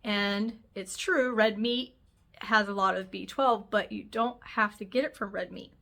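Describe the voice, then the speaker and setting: A woman's voice: mid-range voice, steady tone, unhurried, gravelly, bright, forceful tone. Woman, health channel host, nasal, congested, casual, rambling, chatty. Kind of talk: casual talk to camera.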